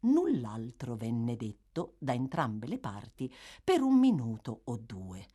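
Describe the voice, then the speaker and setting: Slow, expressive woman reading a novel. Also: rumbling low, slightly rough. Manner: measured, expressive storytelling. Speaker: audiobook reader. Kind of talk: literary audiobook narration.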